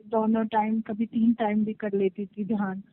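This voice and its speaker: A woman's voice: mid-range voice, flat delivery, dry recording. Hesitant woman caller on a phone line. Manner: respectful, hesitant, many fillers and pauses. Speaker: caller, meditation student. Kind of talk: phone call with her teacher. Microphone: phone call. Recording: tinny phone line, dry.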